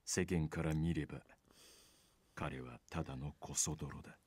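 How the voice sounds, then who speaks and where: An actor playing a calm criminal mastermind in a Japanese game, monologuing with slow, theatrical menace. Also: male voice, rumbling low, husky, dry recording. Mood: smug, theatrical. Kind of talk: Japanese visual novel game voice acting.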